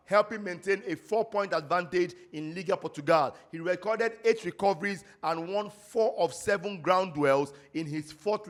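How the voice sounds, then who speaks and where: Nigerian man, high voice, casual football roundup host, chatty, pidgin asides. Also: fairly bright tone. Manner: chatty, stumbles over names, drops pidgin asides.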